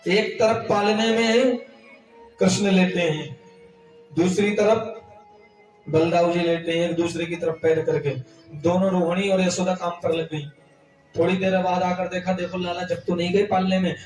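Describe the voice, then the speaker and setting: A man's voice: high-pitched, flat delivery, moderate pace, darkish tone, echoey room, far from the mic, soft background music, low-quality recording. A man giving a devotional discourse as a storyteller preacher, acting out the dialogue of the story. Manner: tells the story in voiced dialogue, breaks into sung Sanskrit verses. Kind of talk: devotional scripture recitation and storytelling.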